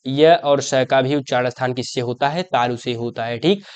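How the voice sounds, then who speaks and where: A man's voice: medium pitch, steady tone, normal speed, clear, resonant tone, no echo. A young man teaching an exam-prep grammar lesson. He explains step by step, asks questions and answers them himself, and keeps calling the viewer his brother.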